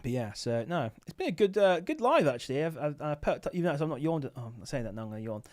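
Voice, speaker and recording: A tired, sleepy man hosts a late-night livestream as an Amazon seller, chatting casually and thinking out loud with lots of fillers. His voice sits a little high and swings widely in pitch, with a fast pace and a darkish tone.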